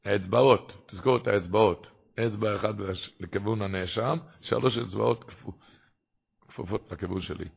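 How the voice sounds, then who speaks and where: A male preacher giving a fervent Torah sermon that swings up to loud exclamations. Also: lowish voice, vocal fry, slightly rough. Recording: dull lo-fi recording.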